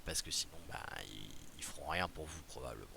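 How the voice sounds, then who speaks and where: Explaining a game promotion, a Quebec-accented gaming video creator reads the rules aloud before drifting into loose chat full of fillers and asides. He has an expressive bass voice, fairly quick, creaky and sharp in tone, with slight background noise.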